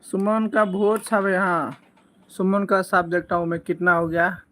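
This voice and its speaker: Guy doing a chill live stream, reads comments out slow, teases people, keeps coughing, kinda high voice. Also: level tone, a bit bright. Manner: slow, playful teasing banter with frequent coughs. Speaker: live-stream host reading viewer comments. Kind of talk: casual live-stream chat.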